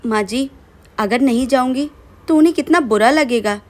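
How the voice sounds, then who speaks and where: A young educated daughter-in-law, played by a woman in a family drama skit. She keeps a formal, polite form of address while holding her ground with firm replies, and her voice sits a little high. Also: moderate pace, close to an everyday voice. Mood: pleading.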